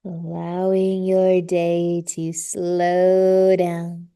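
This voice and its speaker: A woman guides a yoga class at an unhurried pace, her voice soft and mellow. She stretches out her breath cues and talks people gently through each pose. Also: lowish voice, monotone, smooth. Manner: slow, soothing cues with drawn-out breath prompts. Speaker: yoga instructor. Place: live class space.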